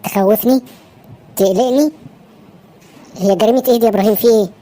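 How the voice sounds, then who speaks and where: A woman's voice: a little high, fast talker, mellow, lightly acted. A woman voicing a curious, teasing young woman in an Egyptian cartoon, with an Egyptian Arabic accent and a prying manner. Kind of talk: Egyptian cartoon dub acting.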